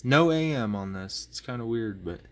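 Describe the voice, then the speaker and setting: Here a man with a medium-pitched, lively voice presents pieces from his collection at a moderate pace. It's a casual, meandering show-and-tell, full of hesitation and captured on a phone held in hand or propped up close by.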